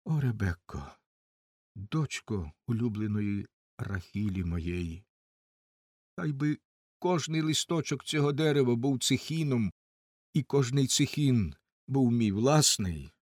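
A man's voice: medium pitch, expressive, takes it slowly, a little mellow, no echo, clean studio sound. A man voicing a grief-stricken old father. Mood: lamenting. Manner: anguished, trembling, lamenting. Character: old grieving father, desperate and pleading.

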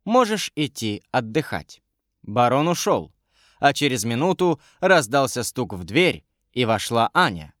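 A male narrator reads a fantasy story, his mid-range voice moving freely in pitch. The sound is dry and close to the mic. He tells the story in an expressive, even way. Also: measured pace, no echo. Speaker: audiobook narrator. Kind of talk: scripted narration.

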